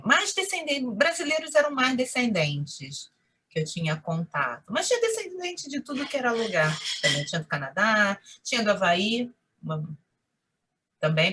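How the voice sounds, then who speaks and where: A woman with a Rio de Janeiro accent, a guest in an interview, telling stories in a lively chatty way and often tagging on "né?". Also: mid-range voice, moderate pace, husky. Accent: Rio de Janeiro Portuguese. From Brazil. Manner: animated storytelling, frequent "né?". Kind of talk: conversational interview.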